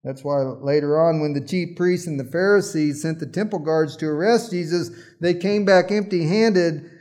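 A man's voice: fairly high pitch, moderate pace, darkish tone. A middle-aged male pastor preaching a sermon, emphatic at times and telling folksy, humorous stories.

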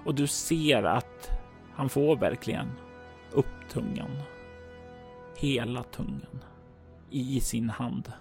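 A man narrating a tabletop role-playing game as game master, describing scenes and calling for dice rolls in a calm, measured way. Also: medium pitch, gravelly, music in the background.

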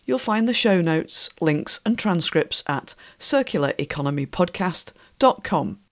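A woman hosts a podcast while hoarse from a cold, her voice croaky but her reading measured and clear. The sound is dry and close, with no room around it. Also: lowish voice, lively intonation, no echo. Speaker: podcast host. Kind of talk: scripted podcast introduction.

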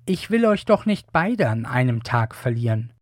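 A man's voice: mid-range voice, big pitch swings, moderate pace, no room sound, studio quality. A man voicing an anxious mother urging her son to flee, in an earnest plain reading. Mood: urgent.

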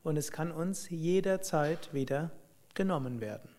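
Guy telling a spiritual story, slightly higher voice, slow and musing, lots of hmm. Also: a little mellow. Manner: reflective, unhurried, musing with hums. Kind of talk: spoken storytelling and teaching.

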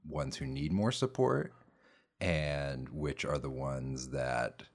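Very deep-voiced man in his thirties. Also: slow. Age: 30s. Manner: relaxed, hesitant, with frequent restarts. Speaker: podcast co-host. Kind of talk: casual chat.

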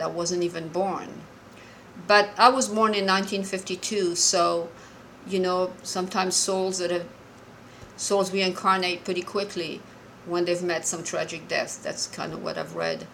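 Earnest, halting woman in her sixties. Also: on the low side, vocal fry, a bit bright, a little hiss or hum, poor audio. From Morocco. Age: 60s. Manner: earnest and halting, with frequent restarts. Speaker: caller. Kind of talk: personal story told on a call-in show.

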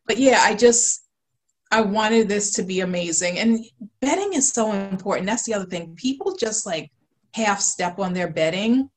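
A woman's voice: medium pitch, expressive, normal speed. A woman guest on a video call talking about her design work, gushing and full of fillers. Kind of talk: casual interview.

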